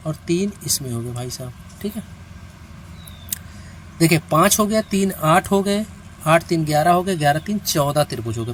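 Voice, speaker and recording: A man's voice: on the high side, a little hiss or hum. A male teacher giving an online reasoning lesson. He counts out each step aloud and keeps checking that the listener follows. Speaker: reasoning teacher for competitive exams.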